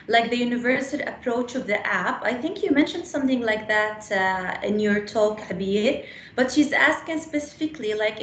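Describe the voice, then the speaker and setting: A hoarse woman moderating an online panel and reading out audience questions. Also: on the high side, a bit bright. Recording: echoey call audio with faint noise.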